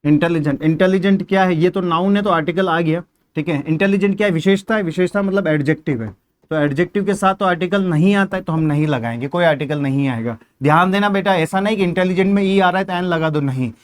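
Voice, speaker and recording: Here a Hindi-accented man talks fast in a high-pitched voice. He leads an exam-preparation grammar lesson, moving step by step and raising questions only to answer them himself.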